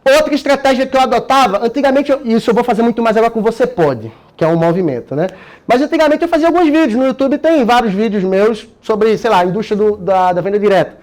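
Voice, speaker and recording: A man's voice: extremely high pitch, lively intonation, quick pace, a little mellow. A Brazilian man talking casually and energetically about how he prepares himself, with frequent tag questions and slang. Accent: Brazilian Portuguese. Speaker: course participant sharing his method. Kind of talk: casual explanatory talk.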